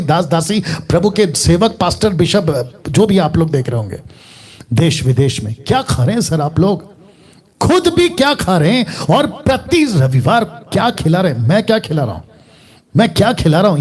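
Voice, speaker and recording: A middle-aged male pastor preaches to an online audience. He repeats his lines for emphasis and fires rhetorical questions at the listener. His voice sits high, swings widely in pitch and has a husky edge. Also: darkish tone. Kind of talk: online sermon.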